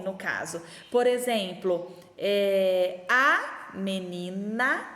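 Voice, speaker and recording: A Brazilian woman teaching young children in a recorded lesson, talking in a slow, sing-song way and drawing out each syllable. Her voice sits a little high. The room is echoey, and the reverb hangs on after each word. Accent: Brazilian Portuguese. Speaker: primary school teacher.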